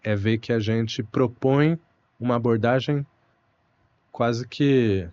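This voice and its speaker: His mid-range voice is darkish, clear and resonant, recorded dry with a lo-fi sound. He's a young Brazilian Portuguese teacher guesting in a relaxed interview, speaking thoughtfully and without hurry, frequently saying "né" and "puxa."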